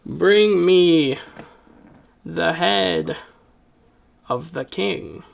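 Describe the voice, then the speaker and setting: Old woman fortune teller played by a man, tabletop role-play: commanding, ominous, unhurried, with vocal fry. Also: high voice, lively intonation, exaggerated voice. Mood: ominous, demanding.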